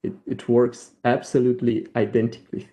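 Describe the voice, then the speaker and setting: A man with a Russian accent giving a live software demo at a meetup, thinking aloud with halting restarts. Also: mid-range voice, steady tone. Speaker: featured speaker at a developer meetup.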